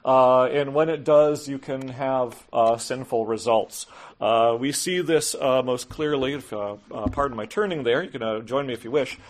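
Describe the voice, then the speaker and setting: A man preaching a topical sermon in a conversational way, often asking "right?" and filling pauses with "uh". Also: medium pitch. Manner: conversational, frequent "right?" and "uh" fillers. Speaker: pastor.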